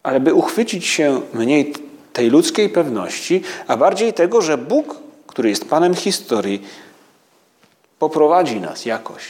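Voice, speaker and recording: A man preaching a spiritual meditation, speaking slowly and reflectively, with halting pauses. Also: on the high side, big pitch swings, darkish tone.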